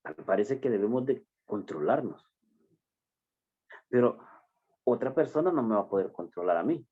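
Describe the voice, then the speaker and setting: A man preaching a sermon, addressing the congregation as brothers and stressing phrases slowly and emphatically. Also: medium pitch, lively intonation, slightly rough. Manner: slow, emphatic preaching with drawn-out words. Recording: dull lo-fi recording.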